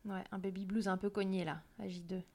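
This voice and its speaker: A woman's voice: medium pitch, flat delivery, fairly quick, a little mellow. Woman chipping in short reactions. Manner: short sympathetic interjections. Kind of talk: casual chat.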